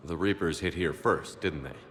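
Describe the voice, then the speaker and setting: An actor playing a calm, dry, supportive male military commander in a video game. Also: low-pitched, moderate pace. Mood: calm, reflective. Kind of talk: video game cutscene acting.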